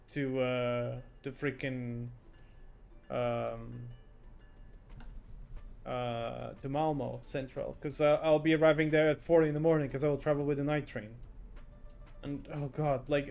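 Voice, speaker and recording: A man's voice: a little high, darkish tone. A man streaming a game live, chatting casually and reacting aloud as he plays and reads chat.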